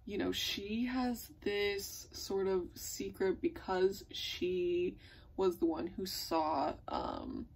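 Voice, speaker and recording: A woman talks straight to camera in a loose, gushing chat, leaning on likes and ums. Her voice is breathy and a little husky, and she takes her time. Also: mid-range voice, very animated, slow pace, darkish tone. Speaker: book vlogger. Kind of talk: casual chat.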